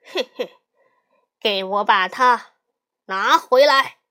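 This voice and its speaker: A woman's voice: on the high side, slow pace, sharp tone. A woman storyteller voicing a brash, boastful male monkey king who swaggers, threatens and sneers. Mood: scornful. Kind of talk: storybook character voice.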